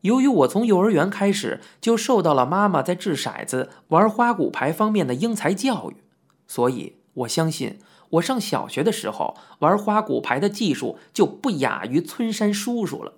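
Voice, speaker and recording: Audiobook narrator, first-person memoir storytelling, husky voice, lively animated pitch, reminiscing with asides. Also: normal speed.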